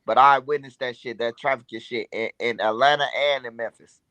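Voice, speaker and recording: A man's voice: medium pitch, steady tone, brisk, pushed and bright, dry recording. A man hosting a livestream, chatting and telling stories casually in slangy, profanity-laced street talk. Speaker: livestream host. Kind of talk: casual livestream chat and storytelling.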